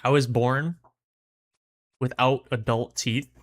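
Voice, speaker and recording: A man's voice: medium pitch, fairly even intonation, takes it slowly, no echo. A man livestreaming in casual, slangy, laid-back chat, his mouth numb from the dentist. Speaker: livestream host.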